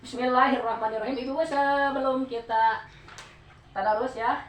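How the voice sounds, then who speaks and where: A religious teacher with a Sundanese accent leads a Quran study group, explaining patiently at normal speed and repeatedly asking her listeners to respond. Her voice is fairly high and bright. The recording is echoey and distant, picked up from across a room with faint background noise.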